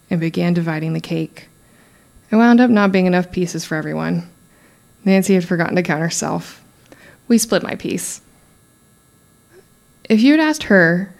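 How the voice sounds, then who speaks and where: Woman acting as young female true crime podcast narrator, lower-pitched voice, measured delivery, solemn scripted storytelling. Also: gravelly, darkish tone. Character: young woman podcaster recounting her murdered cousin's case.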